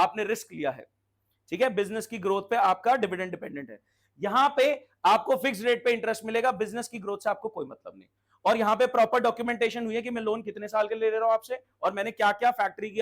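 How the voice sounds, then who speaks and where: In a classroom commerce lecture, a man with a very high, fairly bright voice speaks Hindi sprinkled with English terms. He has his students call out answers and keeps checking whether they follow.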